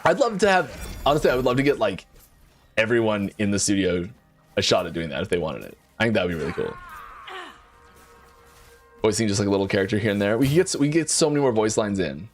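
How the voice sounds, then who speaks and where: A man hosting a casual developer Q&A stream while playing, talking in a lively way and often repeating words and restarting his sentences. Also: fairly low pitch, fast talker, pauses often, soft background music. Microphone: desk mic.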